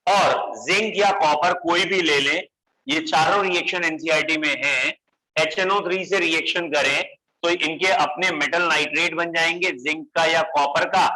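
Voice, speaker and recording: Bright-voiced male chemistry teacher. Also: on the high side, low-quality recording. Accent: Indian English. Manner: addresses students as beta, coaxing answers; mixes English phrases into the lecture. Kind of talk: classroom lecture.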